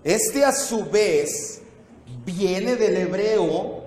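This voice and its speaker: A man leads a Bible class in a church room, explaining word meanings slowly and repeating each term. His voice sits fairly high for a man. The sound rings with a long, hall-like reverb. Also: lively intonation, a little mellow, slight background noise. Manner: slow, repeats terms, calls on listeners by name. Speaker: Bible teacher. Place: church meeting room with projector. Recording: echoey hall.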